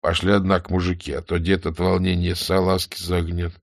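A man's voice: sits low, completely flat delivery, dry recording, studio quality, voice pushed down. A man doing a folksy old peasant soldier. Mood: gruff. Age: older. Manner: folksy, unhurried. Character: elderly plain-spoken peasant soldier.

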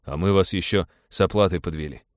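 Мужчина, читающий реплики серьёзного благодарного шахтёра, говорит настойчиво и искренне. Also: male voice, sits low, quick pace, no room sound, studio quality, natural voice. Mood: earnest. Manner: earnest, insistent.

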